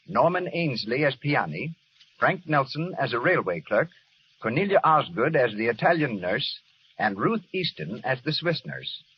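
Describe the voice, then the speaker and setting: On a dull old radio broadcast with faint hiss, a man with a medium-pitched, slightly breathy voice announces in a formal 1930s style, reading credits and sponsor messages.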